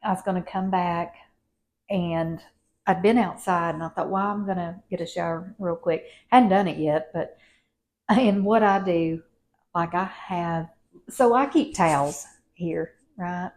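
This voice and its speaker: A woman's voice: lowish voice, unhurried, darkish tone. Chatty woman in her fifties. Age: 50s. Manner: chatty, rambling, folksy, addresses viewers as y'all. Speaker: lifestyle vlogger. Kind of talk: casual home vlog chat. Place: her home, indoors. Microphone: wired clip-on mic.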